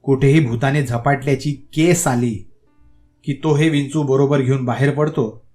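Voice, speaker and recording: A man reading a rural ghost story aloud in a measured, dramatic way. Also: mid-range voice, fairly even intonation, mellow. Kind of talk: scripted story narration. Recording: faint guitar music behind.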